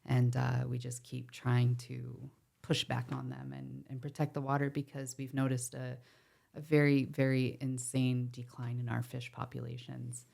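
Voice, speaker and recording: A woman's voice: very deep voice, completely flat delivery, moderate pace, gravelly, a little mellow. A woman from Ontario, a podcast guest talking earnestly and passionately about protecting water, with wry asides. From Ontario, Canada. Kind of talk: podcast conversation. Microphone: podcast mic.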